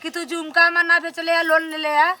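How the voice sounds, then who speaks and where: A woman's voice: little pitch movement, moderate pace, pushed and bright. A woman with an Awadhi accent playing an exasperated village wife who nags and scolds in a comedy skit. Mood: suspicious. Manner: shrill, nagging, combative complaining.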